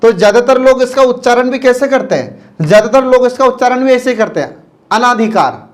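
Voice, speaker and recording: A male teacher with a very high voice, giving a classroom lecture. He draws each word out slowly, repeats it, and keeps asking whether the students follow. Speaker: Hindi teacher.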